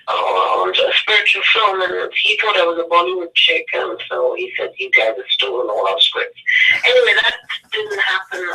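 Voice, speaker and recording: Gravelly, bright-toned woman on a distant line. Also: fairly low pitch. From India. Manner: meandering, self-correcting, earnest. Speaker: guest, spiritual author. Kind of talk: casual radio interview.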